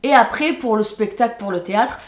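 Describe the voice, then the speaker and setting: A woman from France tells a storytime vlog as a YouTuber, her voice on the high side and brisk. She sounds emotional and indignant, swearing when angered, and the recording has a roomy echo.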